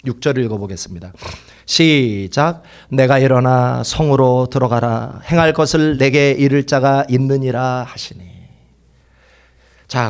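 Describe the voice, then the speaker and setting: With a medium-pitched voice, this male preacher gives a fervent sermon that swings between loud exclamations and soft whispers, prompting the congregation to repeat his lines.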